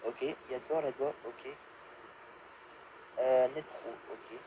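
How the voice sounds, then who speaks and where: A young man giving live gameplay commentary, excitable, yelping and laughing, swearing and dropping English exclamations. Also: medium pitch, slow, a little hiss or hum, low-quality recording. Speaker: gamer.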